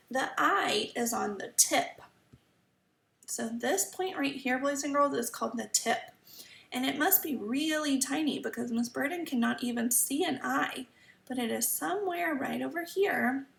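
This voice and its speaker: Female kids show host type for story time read-aloud, very creaky voice, slow delivery, teaching and questioning young listeners. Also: high voice, fairly bright tone. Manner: kids show host, addressing children with questions and simple explanations. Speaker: children's teacher reading a picture book aloud. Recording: roomy echo, slightly distant mic.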